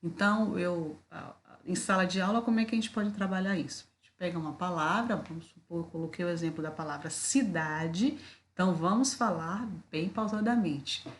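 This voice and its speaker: Woman, teacher, video lesson, lower voice, slow and deliberate, rhetorical questions.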